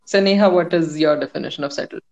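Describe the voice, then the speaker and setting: A woman's voice: sits low, quick pace, creaky, a little mellow, lo-fi sound. North Indian woman hosting a casual podcast. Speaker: podcast host. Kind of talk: casual conversational interview.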